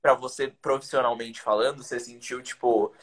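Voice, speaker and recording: Here the young Brazilian English teacher's voice is mid-range and slightly rough, a bit bright, with fairly even intonation and a moderate pace. Still, he chats energetically over a webcam video call from a small indoor room, using slang and rhetorical questions. The talk is a casual live stream with teaching tips.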